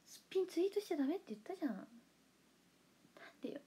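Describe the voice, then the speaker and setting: Her voice is extremely high-pitched yet dark in tone, very animated and rapid-fire. She is a young idol livestreamer from Kansai, Japan, reading comments aloud with her Kansai accent, playful chatter, frequent giggles and murmured asides.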